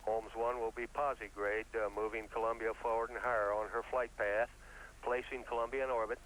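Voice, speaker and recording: A man's voice: lowish voice, flat delivery, fairly quick, fairly bright tone. A man giving matter-of-fact mission control radio commentary, calling out technical figures. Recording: faintly noisy radio feed.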